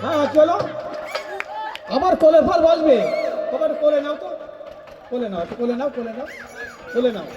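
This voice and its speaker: A man with a Bangladeshi Bengali accent hosts a live folk puppet show, repeatedly coaxing the audience and children with banter. His voice is very high and fairly quick with long pauses. The lo-fi recording is full of loud live music, tabla percussion and crowd noise in an echoey venue.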